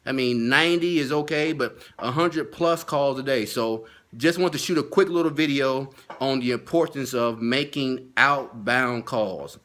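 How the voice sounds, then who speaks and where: Playing a sales consultant, a man with a medium-pitched, slightly bright voice delivers an informal training talk. He speaks emphatically and unhurriedly with few pauses, circling back to repeat his key points so they sink in.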